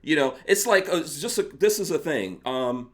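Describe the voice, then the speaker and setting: A man's voice: on the high side, animated, moderate pace. A man from Guyana hosting a podcast in casual conversation, rambling with restarts and laughing easily. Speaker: podcast host.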